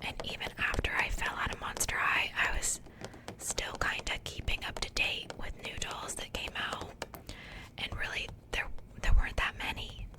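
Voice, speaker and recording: Whispering breathily without voicing, a woman acting as an ASMR host talks over an unboxing. Her chatter is casual and unhurried, and her speed is normal.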